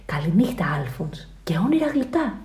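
Woman doing a gentle, tired storybook dad, soft and soothing. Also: on the high side, very animated. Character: kind, patient, tired father.

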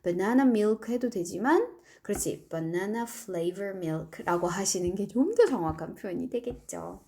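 A middle-aged female teacher leads a recorded online English lesson, walking her students through vocabulary one step at a time. Her voice swings widely in pitch and carries a gravelly edge. Its tone is warm and mellow, and she draws out her English example phrases slowly. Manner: lively, explains step by step, slow drawn-out English examples. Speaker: high school English teacher.

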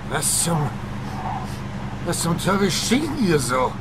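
An actor playing a brash, cocky male mobster in a dubbed video game, loud-mouthed and teasing. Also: fairly high pitch, huge pitch swings, slow pace, exaggerated voice. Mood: brash, disgusted. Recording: loud car noise under dialogue. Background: car engine noise.

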